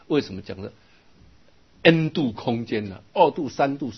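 An older man, a Buddhist monk, giving a dharma lecture, telling stories lively and turning to his listeners with asides. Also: mid-range voice, moderate pace, breathy edge. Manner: lively storytelling with laughs and asides to the audience. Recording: dull lo-fi recording.

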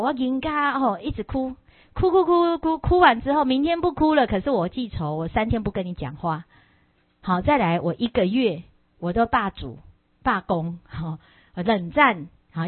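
Animated woman giving a dharma talk. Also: fairly high pitch, dry recording. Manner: animated, rhetorical questions to the audience. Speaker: Buddhist dharma teacher. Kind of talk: lively dharma talk with storytelling. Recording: tinny lo-fi, dry.

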